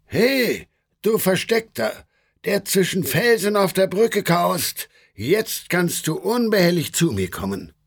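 A man voicing a wise male guide, an old poet who speaks steadily and reassuringly in a storybook reading, with a husky voice. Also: mid-range voice, big pitch swings, a little slow, full character voice. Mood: calling.

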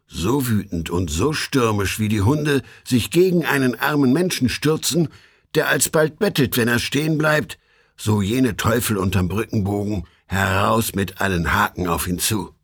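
A man reading an epic poem aloud in measured, solemn audiobook narration. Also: fairly low pitch, husky. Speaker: audiobook reader.

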